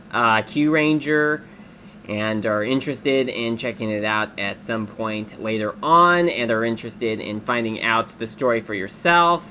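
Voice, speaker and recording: A man's voice: a little high, slight background noise. Rambling man reviewing a toy, dull audio. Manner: rambling, frequent filler pauses. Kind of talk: casual toy review talk.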